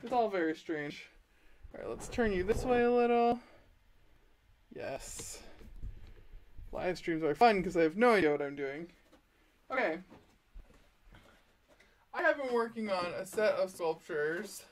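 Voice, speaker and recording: Using a laptop, a DSLR and a webcam mounted on her chest, a woman streams live from her art studio and chats casually. Her fairly low voice is expressive and unhurried, with long pauses, as she laughs often, jokes at her own expense and fumbles with the tech.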